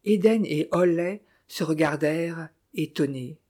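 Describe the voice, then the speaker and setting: Mellow-voiced woman narrating a novel. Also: low-pitched, unhurried, slightly rough. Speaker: audiobook narrator. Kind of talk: scripted narration.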